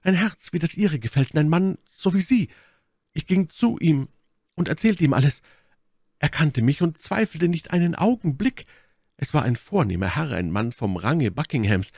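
A man's voice: fairly high pitch, animated, moderate pace, gravelly, a little mellow, no echo, clean studio sound, pitched above the performer's own voice. A man voicing a scheming young noblewoman who speaks with impassioned, accusing pleading. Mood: earnest.

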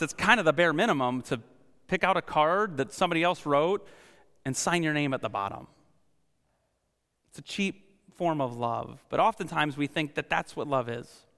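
A man preaches to his congregation in an easygoing, conversational way, often restarting his phrases. His voice sits a little high and sounds smooth and resonant. It rings out with a long reverb in a church sanctuary. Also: fairly bright tone. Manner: conversational, self-deprecating, repeats words when starting phrases. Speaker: pastor. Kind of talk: sermon.

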